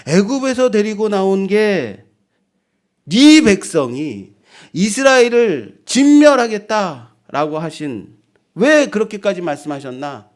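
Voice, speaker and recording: A male pastor preaching a sermon, asking the congregation rhetorical questions and acting out quoted speech. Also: on the high side. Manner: animated, acts out quoted speech.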